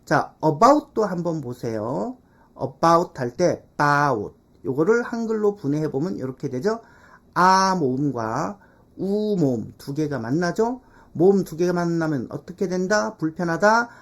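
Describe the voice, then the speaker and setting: A woman teaching English pronunciation in an online lesson, explaining step by step, checking in with rhetorical questions and slowly repeating drill phrases. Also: on the low side, expressive.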